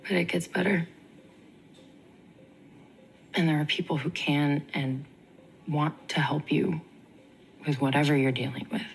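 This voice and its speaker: A woman's voice: low-pitched, steady tone, a little slow, pauses often, slight background noise, rough recording. An actress playing an earnest young female emergency resident doctor in a TV drama. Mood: heartfelt. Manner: earnest, heartfelt. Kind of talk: TV drama acting.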